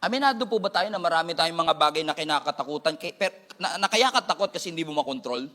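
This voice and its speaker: Bright high-voiced Filipino pastor preaching. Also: male voice, lively intonation, fast. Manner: switches between Tagalog and English, jokes with congregation. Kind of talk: sermon.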